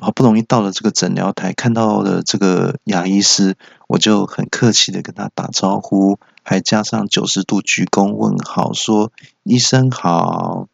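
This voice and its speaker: Middle-aged man, gravelly low voice, comic monologue host; dull, dry recording. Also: level tone, normal speed, few pauses, dry recording. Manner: acts out dialogue with raised voices.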